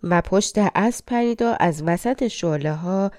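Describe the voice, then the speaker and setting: A woman narrating a fairy tale audiobook in a measured, dramatic storytelling manner. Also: medium pitch, a little mellow, dry recording, studio quality.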